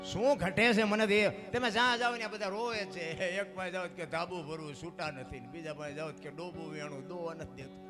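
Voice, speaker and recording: A man performs dayro folk storytelling from a stage, in a high-pitched voice. He swings between loud cries and hushed asides. Music plays clearly behind him. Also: steady tone, fairly quick. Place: stage program.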